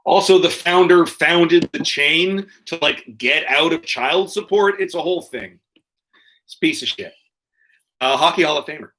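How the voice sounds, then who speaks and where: A man's voice: on the high side, normal speed, fairly bright tone, low-quality recording. A man hosting an online quiz over a video call, reading questions and tossing in joking, profane asides. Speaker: quiz host.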